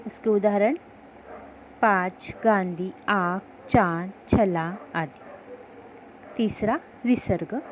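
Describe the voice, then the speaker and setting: A woman reading a grammar lesson as a teacher, explaining slowly and carefully and sounding out letters one by one. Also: mid-range voice, rough recording. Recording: faint background noise.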